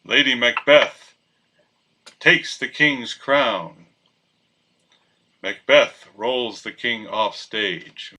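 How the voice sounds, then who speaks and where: A man's voice: mid-range voice, very slow, pauses often, background noise. A man narrating, reading out scripted stage directions for a play.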